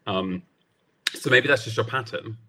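A man co-hosting a podcast, asking questions in a halting way as he searches for words. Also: on the low side, bright, forceful tone. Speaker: podcast co-host. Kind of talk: casual podcast chat.

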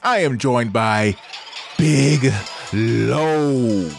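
A man hosting a casual sports talk show in an energetic, emphatic manner. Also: medium pitch, very slow, gravelly, soft background music. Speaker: sports podcast host.

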